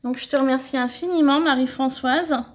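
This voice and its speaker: A middle-aged woman from France hosting a scrapbooking channel, chatting warmly as she opens fan mail, thanking senders and sometimes stumbling over her words. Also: sits high, a little fast. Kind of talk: casual mail-opening vlog.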